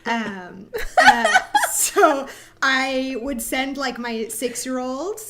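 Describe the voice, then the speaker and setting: A woman's voice: sits high, drawn-out words. Laughing woman from the Northeast. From American Northeast. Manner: laughing, animated storyteller. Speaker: podcast co-host. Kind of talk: casual chat.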